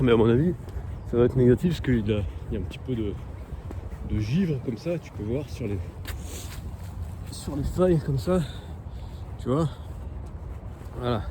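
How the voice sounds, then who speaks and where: A man talking casually to the camera while walking outdoors in a park, hesitant and full of fillers, slowly sounding out foreign words. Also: medium pitch, warm tone, slight background noise. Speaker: vlogger learning Polish. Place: outdoor park in cold weather.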